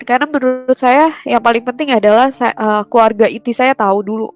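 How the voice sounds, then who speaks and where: A young woman from tells her personal testimony in a casual, faltering way, filling her sentences with hesitations. Her voice sits a little high and sounds close and dry. Faint music plays under her words. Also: no room sound. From Jakarta, Indonesia. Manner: hesitant, many fillers, acts out quoted dialogue. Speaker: testimony guest.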